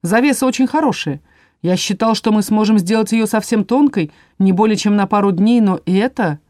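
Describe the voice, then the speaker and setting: A woman voicing a calm male dragon inquisitor who speaks softly and soothingly. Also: mid-range voice, normal speed, no room sound, studio quality, lightly acted. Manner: soft, soothing, hushed.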